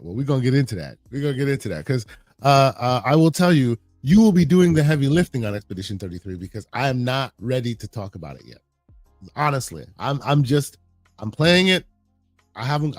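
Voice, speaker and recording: A hoarse, sick man hosts a casual podcast, often restarting his words and greeting his listeners. His voice sits at an ordinary male pitch, and the sound is dry and close, with faint music underneath. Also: no room sound. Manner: halting, repeats words, friendly shout-outs. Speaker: podcast host.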